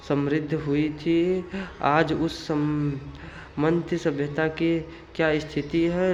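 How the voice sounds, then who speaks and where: Slow, flat-voiced man explaining an exam. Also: a little high, highs cut off. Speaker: teacher.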